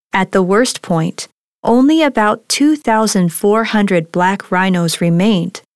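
A woman reading scripted nature documentary narration in a measured, articulate way. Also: medium pitch, no echo, studio quality. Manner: measured, articulate read delivery.

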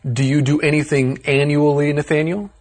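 A man hosting an English lesson, explaining words with a clear, upbeat teacher delivery. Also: a little high, level tone, moderate pace, a little mellow. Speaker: host. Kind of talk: explaining vocabulary to learners.

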